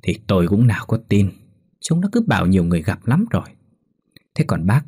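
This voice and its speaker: A man voicing an anxious, superstitious old village man who speaks in a shaky, hushed way. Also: lowish voice, big pitch swings, brisk, husky, no echo, studio quality, heavily acted. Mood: confiding.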